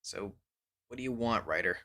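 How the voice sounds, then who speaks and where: A man reading a visual novel aloud on a livestream, animated, with casual asides and quick self-corrections. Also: on the low side.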